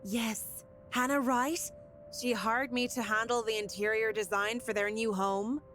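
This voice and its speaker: A woman's voice: a little high, fairly even intonation, unhurried, fairly bright tone, slight background noise. A woman reading as a cool, businesslike female designer in a story, with a detached manner.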